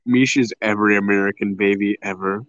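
Low-voiced crude teasing man, dull mic. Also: fairly even intonation, brisk, a bit bright, no room sound. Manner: crude, teasing, swears a lot. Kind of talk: casual chat.

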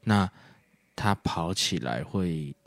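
A man's voice: sits low, lively intonation, takes it slowly, vocal fry, no room sound. A man, co-hosting a podcast and explaining things in a rambling, casual way full of fillers and restarts. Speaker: podcast co-host. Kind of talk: casual chat.

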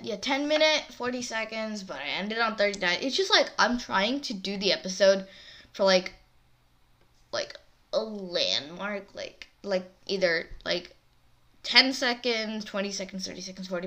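A woman hosting a casual solo podcast, chatting excitably and rambling as she goes. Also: mid-range voice, moderate pace. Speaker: podcast host.

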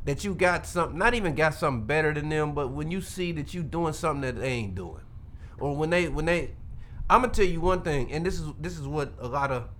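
Man, high voice, bright tense tone, animated, swears a lot, casual podcast talk, faint background noise. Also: a little fast. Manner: animated, talks over others, swears freely. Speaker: podcast co-host. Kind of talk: casual chat.

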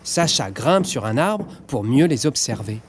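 A man narrating a children's audiobook in a lively, expressive storytelling manner. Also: medium pitch, unhurried, noisy background.

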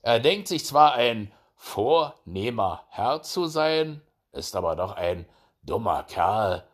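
A man's voice: medium pitch, big pitch swings, takes it slowly. A man doing a cocky, sly little hedgehog. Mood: scheming. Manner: cocky, bossy. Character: sly stubborn male hedgehog.

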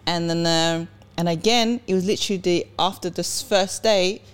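A young woman from Sweden telling a personal story in casual podcast chat, animated and laughing often. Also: lowish voice, normal speed, clear, resonant tone. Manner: animated, laughs often, acts out quoted dialogue. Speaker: podcast co-host.

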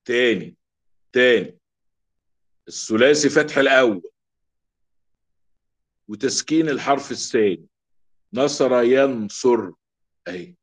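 A man with an Egyptian Arabic accent teaching a grammar lesson, slowly repeating example words to drill them. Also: mid-range voice, lively intonation, slightly rough. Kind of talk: classroom lesson. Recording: dull lo-fi recording.

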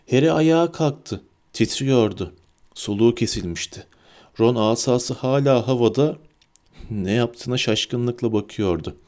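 A man narrating a storybook in a lively, dramatic reading. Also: medium pitch. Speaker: audiobook narrator.

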